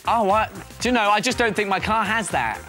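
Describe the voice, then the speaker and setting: Over soft background music, a British man in his thirties hosts a live TV quiz from a studio set, bantering casually with a caller in a playfully incredulous way. His voice is high, expressive, brisk, pushed and bright.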